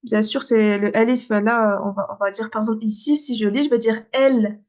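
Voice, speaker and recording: A woman teaching beginners to read Arabic, patiently repeating words slowly and checking in with "ok?". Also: on the high side, fairly even intonation, a little mellow. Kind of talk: beginner lesson.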